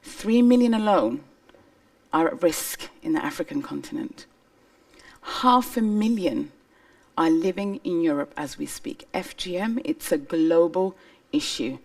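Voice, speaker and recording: Woman speaker from Somalia, lowish voice, earnest stage testimony, a bit off-mic. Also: animated, measured pace, a little mellow, recorded from a distance. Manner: earnest, emphatic storytelling. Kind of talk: personal testimony talk. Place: stage before an audience.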